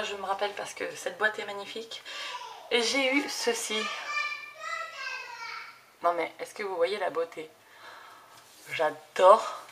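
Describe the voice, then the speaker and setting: A woman in her thirties chatting casually at her home craft desk, enthusiastic and full of fillers as she unboxes gifts, recorded on a camera set low on the desk. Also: a bit bright. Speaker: craft YouTuber. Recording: audible background noise.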